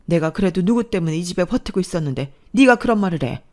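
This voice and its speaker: A woman's voice: on the low side, expressive, quick pace, darkish tone, lightly acted. A woman voicing a bitter, weary middle-aged mother-in-law who talks in a sorrowful, complaining way. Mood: furious.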